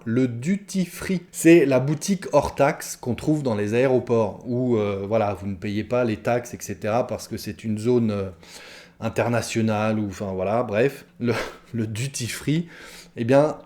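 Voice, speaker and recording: A man giving an online French lesson, speaking straight to his viewers in a lively, chatty way with many asides and fillers. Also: medium pitch. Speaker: French teacher.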